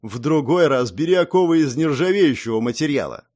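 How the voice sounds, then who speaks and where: A man's voice: fairly high pitch, expressive, brisk, darkish tone, lightly acted. Brief: a man doing a mocking adult cowboy villain, sneering and sing-song, storybook reading. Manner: taunting, sneering.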